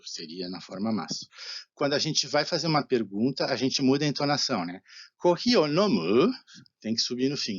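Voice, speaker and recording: A man with a Brazilian Portuguese accent gives a recorded Japanese lecture, explaining patiently, often asking "né?" and slowing down for example phrases. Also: medium pitch, fairly bright tone, muffled recording. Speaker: Japanese language teacher.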